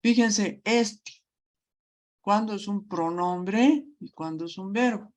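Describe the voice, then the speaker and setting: A woman's voice: mid-range voice, darkish tone. A woman teaching a grammar lesson, explaining patiently and often checking that the class follows. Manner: slow, patient explaining with frequent check-ins.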